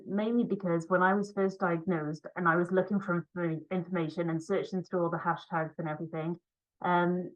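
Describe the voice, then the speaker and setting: Her voice is lowish and the recording muffled as she delivers an online conference talk by video call. She's a physiotherapist and para rower from Cardiff, Wales, with a slight Welsh accent, chatting along with plenty of ums.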